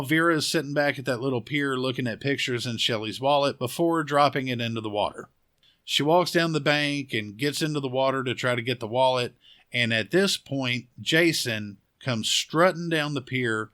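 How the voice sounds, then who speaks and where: A man's voice: medium pitch, moderate pace, a bit bright. A man recapping a horror movie scene by scene with sarcastic, crude humor. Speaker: horror film reviewer. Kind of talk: profane comedic movie recap.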